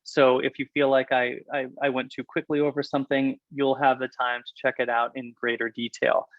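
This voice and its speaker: A man presenting a software walkthrough on a webinar, talking quickly and chattily with some fillers. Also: medium pitch, little pitch movement, no echo, highs cut off. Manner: fast, chatty, explanatory with fillers. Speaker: product presenter.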